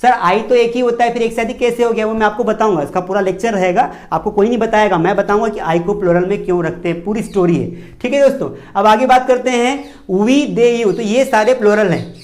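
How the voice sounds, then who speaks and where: The speaker is a man with a Hindi accent whose high, slightly mellow voice moves a little fast with barely a pause. Teaching spoken English in a video set up like a classroom, he asks his students question after question, answers each one himself, and repeats the key words to reinforce them.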